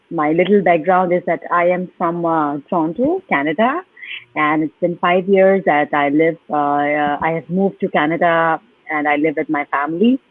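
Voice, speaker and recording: A woman's voice: sits low, dry recording. Woman on a tinny call line. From Pakistan. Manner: earnest, hesitant with fillers. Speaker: guest. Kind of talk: live online interview.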